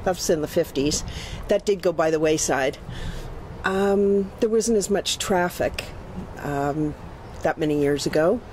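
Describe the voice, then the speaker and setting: A woman's voice: low-pitched, a little slow, a little mellow, slight background noise, rough recording. A woman in her sixties from England, thoughtfully recalling old times in a documentary interview.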